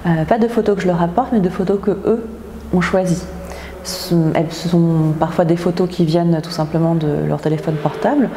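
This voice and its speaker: A woman from France, an author, speaking thoughtfully in an interview, pausing often with filler sounds. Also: lowish voice, warm tone, a little hiss or hum. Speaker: author in residence. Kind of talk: reflective interview talk. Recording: echoey hall with faint ambience.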